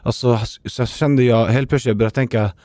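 A man's voice: mid-range voice, fairly even intonation, mellow, no echo. A man co-hosting a podcast, telling his own experiences candidly and often quoting his own thoughts. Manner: candid, personal storytelling with quoted self-talk. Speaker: podcast co-host. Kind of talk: casual conversation.

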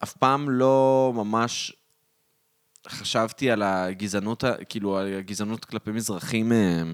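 A man's voice: lowish voice, steady tone, clean tone, no room sound, studio quality. An Israeli man in casual conversation as a podcast co-host, speaking colloquially and sprinkling in English words.

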